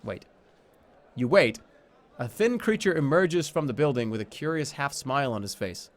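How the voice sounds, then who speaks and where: A man streaming a game reads the story text aloud as narration and tosses in informal, offhand comments, flipping between dramatic reading and casual asides. His voice is medium-pitched with lively intonation at a moderate pace.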